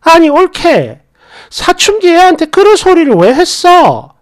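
Storybook role: a woman playing a middle-aged sister-in-law, shrieking, scolding, pitched high and loud. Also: wildly swooping pitch, unhurried, full character voice. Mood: yelling angrily. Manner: yelling, scolding.

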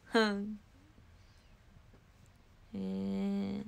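A woman's voice: medium pitch, completely flat delivery, gravelly, smooth. A young woman from Kumamoto chatting playfully and teasingly on a livestream from home. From Kumamoto, Japan. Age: young adult. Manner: playful, teasing, quick to laugh. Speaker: idol livestreamer. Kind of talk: casual livestream chat.

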